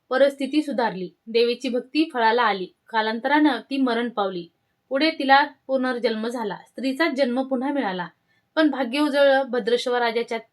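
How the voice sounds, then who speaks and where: High-voiced woman telling a devotional tale. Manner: measured, rhythmic telling in short phrases. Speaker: devotional storyteller, channel host.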